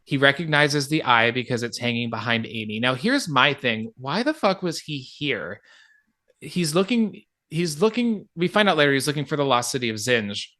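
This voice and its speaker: A man hosting a podcast, casually retelling a film's plot in an animated way, swearing and laughing as he goes. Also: mid-range voice, a little fast, hardly any pauses. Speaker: podcast host. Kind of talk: casual movie recap chat.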